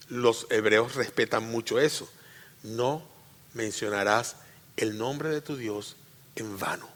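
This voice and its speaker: A man preaches to his congregation with a bright, forceful voice that rings out in a reverberant church hall. He teaches by repeating key phrases and putting questions to his listeners. His delivery swings from loud, emphatic peaks to quieter asides. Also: mid-range voice. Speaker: pastor. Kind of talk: sermon.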